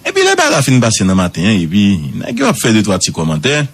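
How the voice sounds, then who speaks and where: A man with a Haitian accent giving radio commentary, swooping high for emphasis and repeating words. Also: huge pitch swings, fast talker, slightly rough.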